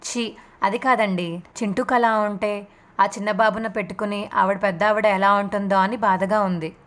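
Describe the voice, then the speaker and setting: A woman voicing a gentle young wife who speaks softly and sympathetically. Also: mid-range voice, fairly even intonation, normal speed, natural voice. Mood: sympathetic. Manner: soft, sympathetic.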